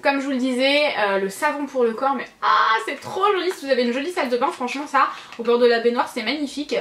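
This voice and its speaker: A woman's voice: high-pitched, animated, quick pace, fairly bright tone, roomy sound, a little hiss or hum. A woman beauty vlogger casually reviewing gift sets, chatty and gushing, with many fillers and self-corrections.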